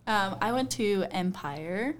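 A woman's voice: medium pitch, lively intonation, slow, slight background noise. A young woman in her late teens from Canada, a graduating student giving easygoing interview answers that often start with "um".

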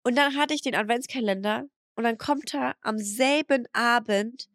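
A woman's voice: a little high, normal speed, no echo, clean studio sound. A young woman co-hosting a podcast, chatting casually and telling stories with animation, acting out what others said. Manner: animated storytelling, acts out what people said. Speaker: podcast co-host. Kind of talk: casual chat.

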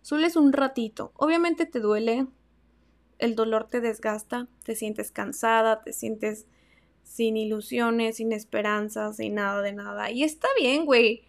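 A young woman with a Mexican accent hosting a casual advice podcast, chatty and slangy, swinging between loud emphasis and soft asides. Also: fairly high pitch, unhurried, creaky. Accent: Mexican Spanish. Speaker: podcast host.

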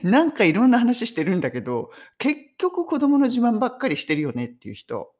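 Lively Japanese woman teaching English. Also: fairly high pitch, a little fast. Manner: chatty, animated storytelling with laughs. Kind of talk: casual English lesson.

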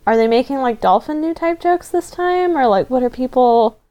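Female podcast guest, animated and fairly high, casual fan talk. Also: normal speed, muffled recording.

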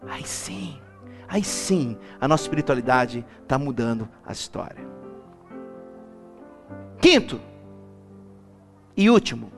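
A man preaching a lively church sermon as bishop, calling the congregation to repeat after him and building up to shouts. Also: a little high. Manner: animated, rising to shouts, calls congregation to repeat.

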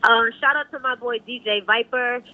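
A woman's voice: a little high, moderate pace. A woman in her twenties, a DJ, telling her story in a laid-back, slangy way and laughing often. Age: 20s. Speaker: DJ guest. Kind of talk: casual interview chat. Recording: tinny phone-like line, dry.

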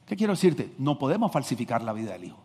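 Husky preacher man in a ringing hall. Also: fast. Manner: animated preaching, swings from loud emphasis to low asides, acts out anecdotes. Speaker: pastor. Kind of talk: sermon.

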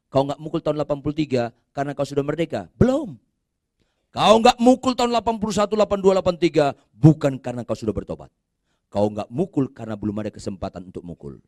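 A man's voice: medium pitch, a little mellow, dry recording, lightly acted. A man voicing God as a stern figure who scolds a preacher, in a dry sound. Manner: scolding, insistent.

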